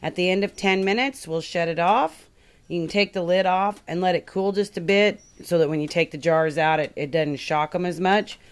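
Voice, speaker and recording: A woman's voice: lowish voice, normal speed, smooth. A woman giving a casual step-by-step home canning demonstration in her kitchen, chatting and thinking aloud as she works. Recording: home video with steady background noise.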